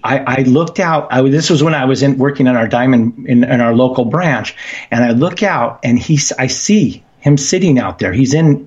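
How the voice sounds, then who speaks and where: A middle-aged man calling in to a radio show, talking earnestly and haltingly with many restarts. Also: medium pitch, dull audio. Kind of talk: casual radio call-in chat.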